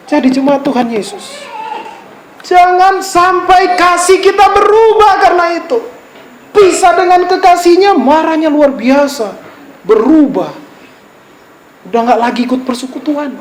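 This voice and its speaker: A woman preaching a sermon in a high, bright register, her voice ringing around a roomy, echoing space. She preaches with theatrical emphasis, swinging between loud and hushed phrases, over a faint hum of background noise.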